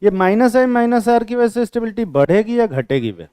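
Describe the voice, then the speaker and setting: A male chemistry teacher lecturing a class in a slightly high, mellow and smooth voice. He fires questions at his students and teases them bluntly in rough slang. The sound is dry and close. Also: expressive, brisk, dry recording.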